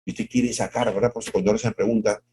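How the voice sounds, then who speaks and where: Preaching a devotional message, this middle-aged male pastor asks rhetorical questions, performs quotations, and moves between soft, stretched phrases and abrupt high outbursts. Even so, his delivery comes across as flat, and there is slight background noise.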